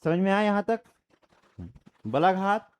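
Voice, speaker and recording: A man's voice: high-pitched, measured pace, clean tone. A man teaching a grammar lesson for exam preparation, explaining by repeating examples and quizzing his students. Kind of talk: exam-prep grammar lecture.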